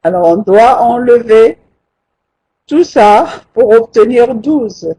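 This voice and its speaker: A language teacher leads a live online class at a very unhurried pace. The delivery is patient and halting, full of hesitations, and the teacher counts syllables out slowly and deliberately. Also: medium pitch, lively intonation, warm tone, husky. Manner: slow, patient, with frequent hesitations. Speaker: French teacher.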